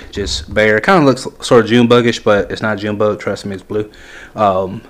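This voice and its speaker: A man rambles through a casual how-to at his workbench, with frequent ums and false starts. His voice sits at an ordinary middle pitch. Steady background noise hums under the handheld camera audio. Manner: rambling, many ums and restarts. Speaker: fishing lure maker showing his baits. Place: workbench in a workshop.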